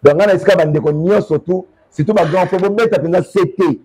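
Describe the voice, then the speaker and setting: A man in an animated, casual conversation, often talking over the other speaker. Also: sits high, fast, husky. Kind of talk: casual conversation mixing languages.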